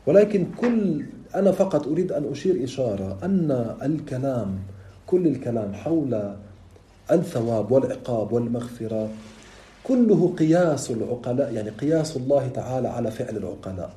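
A man teaching a lesson, explaining a classical text step by step, repeating his points and pausing on drawn-out fillers. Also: medium pitch, animated, warm tone, roomy sound. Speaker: teacher of theology.

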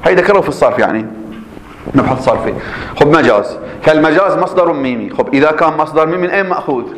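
A man's voice: a little high, animated, racing, a bit bright, echoey room, slight background noise, poor audio. A male teacher explaining a grammar point in class, repeating himself and checking that students follow.

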